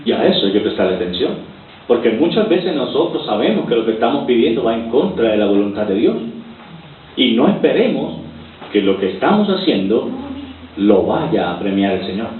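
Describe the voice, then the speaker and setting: Man, pastor, sermon, lively storytelling, church hall, faint background noise, thin lo-fi sound. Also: medium pitch, normal speed. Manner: animated storytelling, acting out scenes. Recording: roomy, distant, tinny lo-fi recording.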